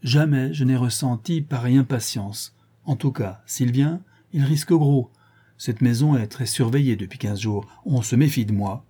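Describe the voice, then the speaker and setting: A man's voice: mid-range voice, normal speed, dark tone, slightly rough, lightly acted. A man voicing a composed, courteous lawyer who speaks formally. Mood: curious.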